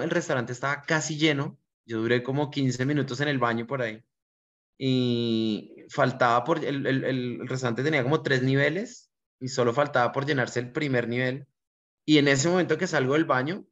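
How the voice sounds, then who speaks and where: A man's voice: mid-range voice, a bit bright. A man with a Colombian accent, a restaurant owner, earnestly and reflectively telling stories from his life in an interview. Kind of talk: interview answers, personal storytelling. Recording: dull lo-fi recording.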